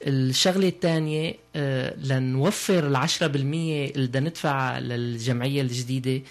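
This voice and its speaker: A man's voice: medium pitch, brisk. A man with a Levantine Arabic accent offering casual spoken commentary on a talk show. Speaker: studio commentator.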